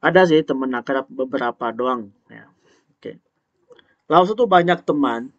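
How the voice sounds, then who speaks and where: A man's voice: medium pitch, dull audio. A young man teaching a language lesson, reading dialogue lines and then patiently translating and explaining each one. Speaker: Mandarin teacher.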